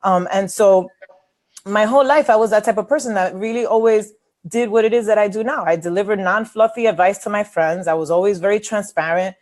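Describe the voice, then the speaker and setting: A New York City woman coaches through a casual webinar, candid and chatty with many fillers. Her mid-range voice has a darkish tone and moves a little fast.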